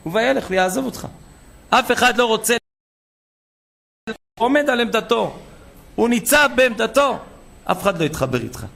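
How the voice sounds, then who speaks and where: A man's voice: extremely high pitch, expressive, vocal fry, pauses often, sharp tone, slight background noise. A man preaching a sermon as a rabbi, telling a story with acted-out dialogue and building to emphatic calls.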